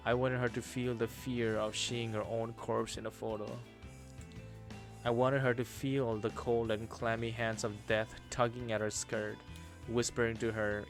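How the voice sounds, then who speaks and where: Casual young man streaming a game. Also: mid-range voice. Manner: casual, swearing, reacts loudly. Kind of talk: let's play commentary and reading aloud. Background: game music.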